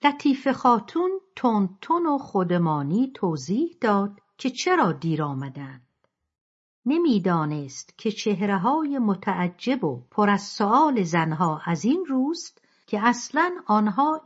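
A woman narrating a novel as an audiobook in a steady storytelling delivery. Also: mid-range voice, breathy edge. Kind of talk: audiobook reading. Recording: dull lo-fi recording.

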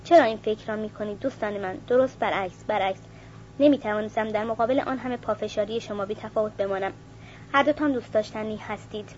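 A woman's voice: mid-range voice, darkish tone, natural voice. A woman voicing a flirtatious, teasing noblewoman in a sweet, coy tone, on a slightly muffled recording. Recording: muffled with faint hiss.

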